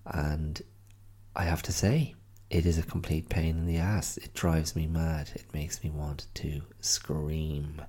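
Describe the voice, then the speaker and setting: The Irish podcast host speaks slowly and flatly in a rumbling low, dark voice with a breathy edge. During his casual solo chat he rambles and corrects himself a lot, sounding tired and slightly stuffy-nosed from hay fever.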